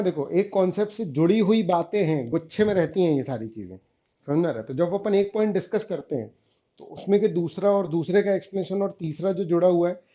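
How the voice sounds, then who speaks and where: A man's voice: high-pitched, warm tone, dull audio. A man teaching a revision lecture, often stopping to ask the students whether they follow and calling them beta and guys.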